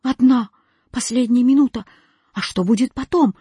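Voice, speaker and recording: A nervous question mark from a children's story, asking everything in a trembling voice, as a woman reads it. It sounds husky and breathy, recorded dry and close. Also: fairly high pitch, moderate pace, warm tone, no room sound, pitched above the performer's own voice. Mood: anxious. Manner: trembling, worried.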